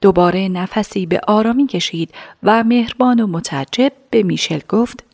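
A woman narrating a radio drama in a measured, hushed storytelling voice. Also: mid-range voice.

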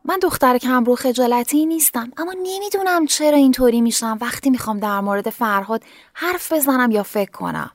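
A woman's voice: high voice, dry recording, studio quality, natural voice. An actress playing a shy young woman who speaks hesitantly and bashfully about a marriage proposal in a radio drama.

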